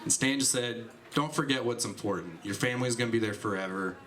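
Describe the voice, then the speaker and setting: A man's voice: mid-range voice, brisk, crowd noise. A man, a comedian, giving an earnest, heartfelt tribute speech on a comedy club stage through a handheld mic. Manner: earnest, sincere.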